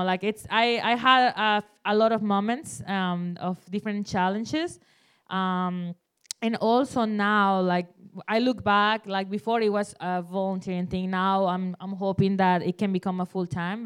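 Clear-voiced woman with Spanglish-tinged English. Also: mid-range voice, fairly even intonation, moderate pace. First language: Spanish. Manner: Spanglish, non-native English phrasing. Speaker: panel guest, skateboard photographer. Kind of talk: casual panel talk, telling anecdotes.

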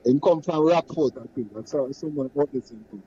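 A man's voice: medium pitch, a little fast, a crowd in the background. A Jamaican man chatting easily in patois on a podcast, agreeing readily. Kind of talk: casual chat in patois. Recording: dull lo-fi mic.

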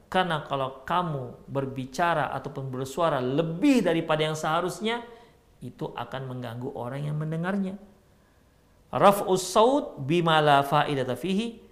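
A male Islamic preacher with an Indonesian accent, reciting Arabic slowly and then explaining it in lively everyday speech. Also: a little high. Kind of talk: sermon with Arabic text reading and explanation.

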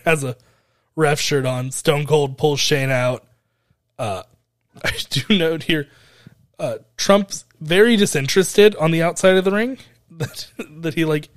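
A man's voice: on the high side, lively intonation, slow pace, pauses often. A man co-hosting a podcast, recapping a wrestling event in a rambling, hesitant way with frequent laughs. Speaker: podcast co-host.

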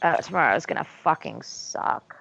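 A woman's voice: deep voice, lively intonation, normal speed, gravelly, a bit bright, dull audio, a little hiss or hum. A woman from New York talking candidly in a casual group chat, with some cursing. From New York, United States.

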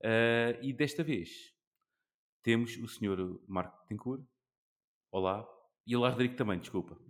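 A man in his forties with a European Portuguese accent, hosting a gaming podcast in casual chat, pausing often with fillers and restarts. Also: medium pitch. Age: 40s. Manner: hesitant, many fillers and restarts. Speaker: podcast host.

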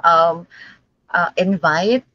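A woman with a Visayan accent co-hosting a casual podcast chat, speaking in a measured, thoughtful way. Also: lowish voice, bright, forceful tone, dull audio. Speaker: podcast co-host.

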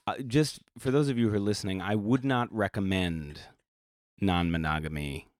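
Reflective low-voiced man, candid chat. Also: dry recording, studio quality. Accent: American. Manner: reflective, halting, many restarts. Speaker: podcast guest. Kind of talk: candid casual conversation.

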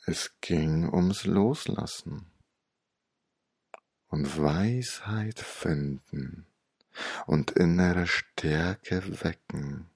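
A man guiding a meditation story in a hypnotic, soothing, old-sage manner with long pauses and a gravelly, breathy voice. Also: low voice, darkish tone, no echo, clean studio sound.

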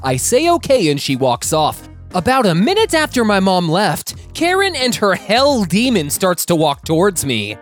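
Lively story reader with soft music. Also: mid-range voice, normal speed. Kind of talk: reading internet stories aloud.

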